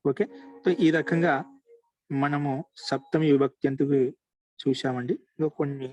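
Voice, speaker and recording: A man teaching Sanskrit grammar in an online class, explaining in short phrases and repeating each example slowly. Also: mid-range voice, fairly even intonation, a little mellow, poor audio.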